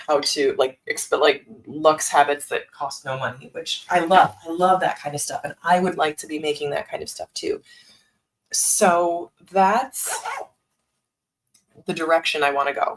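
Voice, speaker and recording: A woman's voice: low-pitched, rough recording. A woman hosting a casual live stream, thinking aloud with fillers and small laughs, talking into a desktop microphone. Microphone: desktop USB microphone.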